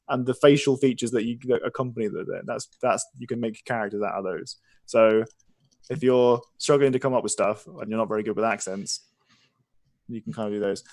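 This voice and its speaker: A man's voice: medium pitch, dry recording. A man game master narrating and chatting through a tabletop game stream in an informal, self-deprecating way.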